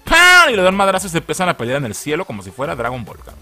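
Animated, profane Mexican man reviewing. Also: a little high, racing, faint music behind. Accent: Mexican Spanish. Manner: profane and joking, laughing often. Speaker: video reviewer. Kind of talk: casual spoken review.

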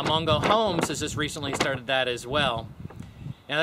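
A man, a real estate team leader giving a scripted update to camera outdoors by a pond, upbeat and lifting his pitch on key points. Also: pushed and bright, a little hiss or hum.

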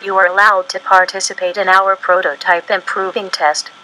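A woman voicing a calm female AI guide in a video game, with a robotic, formal, clipped delivery. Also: mid-range voice, normal speed, very noisy, lightly acted. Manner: formal, clipped machine announcements. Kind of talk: game character voice-over. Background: loud game music.

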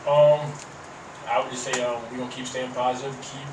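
A young college basketball player answering at a press conference, halting, full of fillers and repeated words, picked up from a distance on a table mic in a press room. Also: male voice, mid-range voice. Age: young adult. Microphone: table mic on a stand. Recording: echoey room mic from a distance, steady hum.

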